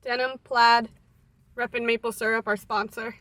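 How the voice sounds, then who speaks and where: A woman's voice: on the high side, level tone, moderate pace, fairly bright tone, dry recording. A young woman from Canada co-hosting a casual vlog, cheerful and giggling often. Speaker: vlog co-host. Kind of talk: casual chat.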